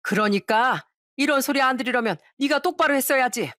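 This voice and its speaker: Casting: a stern older mother-in-law, played by a woman, scolding loudly with a raised pitch. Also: fairly quick, no room sound, studio quality. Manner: scolding, shouting.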